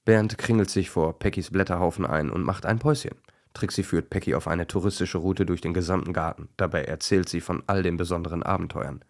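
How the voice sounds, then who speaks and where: A man narrating a children's animal story in a gentle, even storytelling manner. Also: low-pitched, fairly quick, vocal fry.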